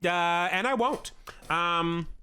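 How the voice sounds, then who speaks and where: Male game master, stuttering delivery, slow tabletop narration, lively higher-pitched voice. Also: smooth. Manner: stutters, repeating syllables.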